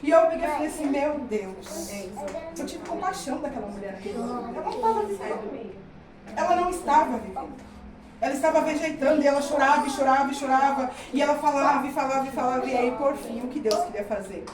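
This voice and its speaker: A middle-aged woman gives a fervent church testimony, her high voice racing ahead and circling back on its own phrases. She sounds far from the mic in an echoey hall, with the congregation murmuring around her. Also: animated, quick pace, crowd noise. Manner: fervent storytelling with many repetitions. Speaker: church speaker giving a testimony.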